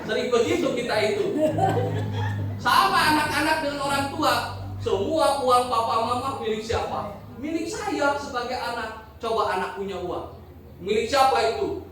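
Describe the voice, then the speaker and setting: A pastor preaching a sermon in a church, joking and asking the congregation questions. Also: male voice, very high-pitched, animated, moderate pace, noisy background. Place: church hall. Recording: very echoey hall, from a distance.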